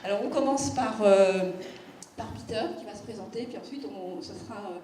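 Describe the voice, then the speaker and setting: A woman's voice: medium pitch, normal speed, mellow. Chatty woman in an echoey room. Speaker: event moderator. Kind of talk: conference introduction. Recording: echoey room with faint noise.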